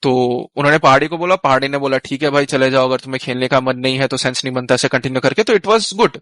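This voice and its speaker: A man's voice: mid-range voice, quick pace, a bit bright, no echo. A man recounting a team dispute on a live stream in casual Hinglish, mixing English phrases into his Hindi. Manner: conversational storytelling, with fillers and restarts. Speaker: esports team manager.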